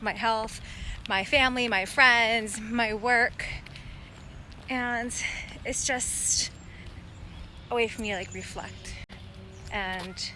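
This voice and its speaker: A woman's voice: fairly high pitch, bright, forceful tone, a little hiss or hum. A young woman, a dietitian, chatting casually and upbeat in a vlog about her day and the food she loves. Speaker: registered dietitian vlogger.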